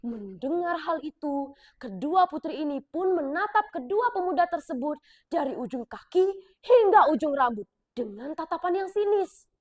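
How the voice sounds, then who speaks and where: A woman from South Sumatra, Indonesia, narrates a folk tale in a clear, expressive, high voice at a measured pace. The audio quality is dull.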